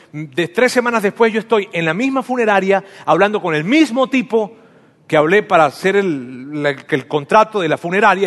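A man with a high, light voice preaches a sermon woven from his own life story. He speaks to each listener directly and intimately, as though in conversation. His words ring out with a long echo in a large church hall. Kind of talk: sermon with personal testimony.

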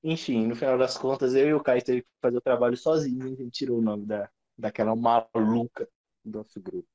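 A young man, telling school stories on a podcast with animated swearing and sudden pitch leaps. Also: a little fast. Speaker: podcast host. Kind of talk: casual storytelling chat. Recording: dull lo-fi audio.

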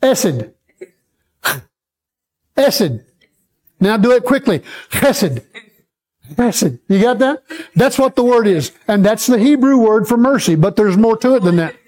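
A man preaching a sermon, teaching slowly and checking in with the congregation as he goes. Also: very high voice, mellow. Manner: slow, repetitive, checks in with the congregation. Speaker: pastor.

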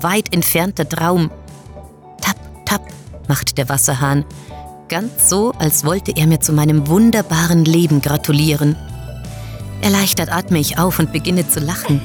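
A woman with a very low voice reads a first-person short story with wry, expressive delivery. Faint music plays softly underneath her narration. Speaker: story reader.

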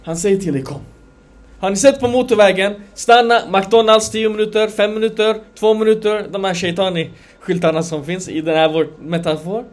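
A man giving a conversational sermon to a gathering, animated, swinging between loud emphasis and quiet asides. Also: sits high, hardly any pauses. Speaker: religious lecturer.

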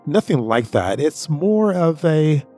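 A man's voice: fairly high pitch, very animated, takes it slowly, mellow, soft background music. A man hosting a story podcast, telling a personal anecdote in a casual, rambling way that repeats itself. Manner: rambling, repeats himself, conversational. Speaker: podcast host.

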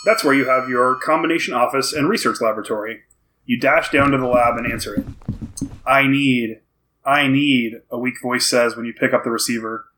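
A man leading a tabletop story game, explaining the rules and reading the opening story card aloud at a steady pace. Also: medium pitch, fast, rough recording.

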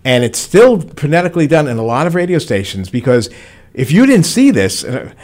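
A middle-aged man, a veteran radio DJ giving rambling advice in a studio chat and telling stories with animated quoted voices. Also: on the high side, brisk.

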